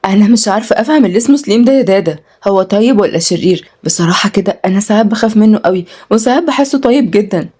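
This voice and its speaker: A woman voicing a nervous but spirited young maid with an Egyptian accent, talking high, quick and flustered. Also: lively intonation, mellow, slightly rough. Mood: puzzled. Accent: Egyptian Arabic.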